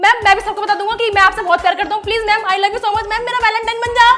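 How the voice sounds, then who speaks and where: A woman's voice: extremely high pitch, steady tone, racing. A woman performing in a scripted school comedy skit, talking with playful, pleading exaggeration. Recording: background music under voice.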